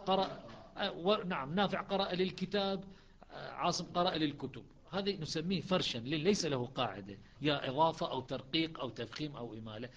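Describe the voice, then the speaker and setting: A man teaching the variant readings of the Quran, chanting verses slowly and then explaining them in quick speech. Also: on the high side, a bit bright, highs cut off.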